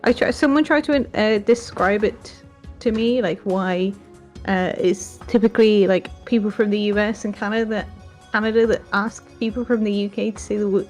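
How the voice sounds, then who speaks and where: A British woman chatting casually as a podcast guest, playful and quick to laugh. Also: medium pitch, steady tone, faint music behind. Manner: giggly, playful banter. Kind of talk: casual chat.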